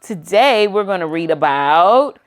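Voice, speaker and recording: Her voice is fairly low, expressive and unhurried, with a clear, resonant tone. As host, she reads a children's book aloud in simple language, pausing between passages for asides to a young child, while music plays in the background.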